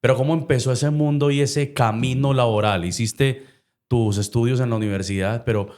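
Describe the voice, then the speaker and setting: A Colombian man from Medellín hosts a casual podcast interview. He talks with an enthusiastic, friendly manner and a voice of middling pitch. His questions come loose and conversational. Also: steady tone, normal speed, a little mellow. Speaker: podcast host.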